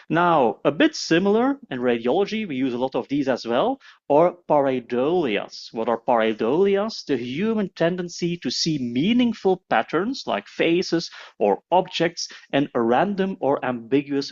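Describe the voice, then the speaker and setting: A man giving a fast-paced medical lecture on radiology signs, talking quickly with frequent filler sounds. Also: medium pitch, lo-fi sound.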